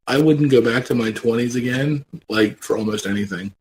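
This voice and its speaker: A man's voice: mid-range voice, fairly quick, a little hiss or hum, low-quality recording. A man in his late thirties co-hosting a casual gaming podcast. He talks in a blunt, matter-of-fact way. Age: late 30s. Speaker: podcast co-host. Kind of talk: casual chat.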